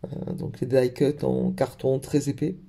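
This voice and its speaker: A man's voice: mid-range voice, level tone, a little slow, gravelly, warm tone, breathy edge. A man in a casual craft haul video, talking in a hesitant way with lots of fillers and self-corrections. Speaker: craft vlogger.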